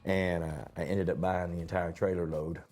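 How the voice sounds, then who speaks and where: A man's voice: sits low, flat delivery, moderate pace, a little mellow. A man, a store owner telling rambling, folksy anecdotes in a casual interview.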